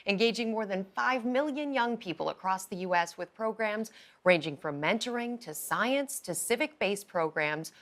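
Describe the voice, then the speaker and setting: Bright-voiced woman hosting a live show. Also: medium pitch. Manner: upbeat, enthusiastic. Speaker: host. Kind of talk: live broadcast interview. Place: television studio.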